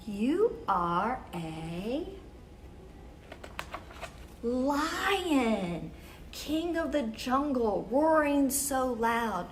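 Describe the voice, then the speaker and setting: During story time for children, a woman reads picture books aloud with expression and slow, deliberate phrasing. Her voice is on the high side, and background noise is present.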